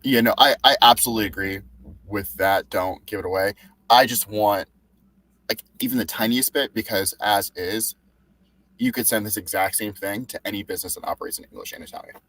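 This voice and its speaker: Man, low voice, dry close sound, precise, careful phrasing. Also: fairly bright tone, no echo, low-quality recording. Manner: measured, precise, builds long careful sentences. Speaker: co-host reviewing copywriting. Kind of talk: casual panel critique.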